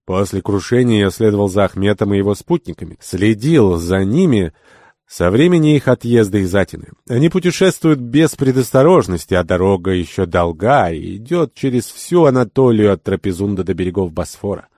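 A man reading an adventure novel aloud, narrating and voicing the dialogue himself, rising sharply in pitch and volume for angry lines. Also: animated, a little fast, dark tone, dry recording, studio quality. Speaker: audiobook reader. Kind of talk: scripted narration with character dialogue.

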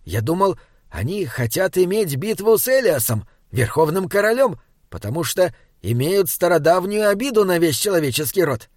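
A man's voice: high voice, sing-song, moderate pace, dry recording, studio quality. A man voicing a small, earnest male troll sage who speaks in stilted, oddly phrased sentences. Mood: pondering. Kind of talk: audiobook character reading.

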